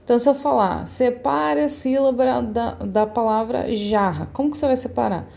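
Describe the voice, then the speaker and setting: A woman teacher, talking young pupils through a recorded lesson. Her voice is mellow and a little gravelly, and she explains each step patiently. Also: a little high, moderate pace. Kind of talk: recorded remote class lesson.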